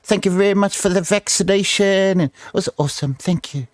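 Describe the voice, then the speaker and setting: A man's voice: high-pitched, a little fast, no echo, clean studio sound, pitched above the performer's own voice, natural voice. A man mockingly voicing a naively delighted person who gushes in a repetitive sing-song. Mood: gushing delight.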